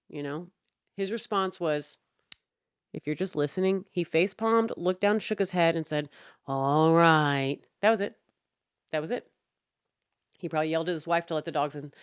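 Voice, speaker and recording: A woman's voice: sits low, dry recording, clean studio sound. A young woman hosting a casual storytime rant, chatty and exasperated, swearing freely. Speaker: podcast host.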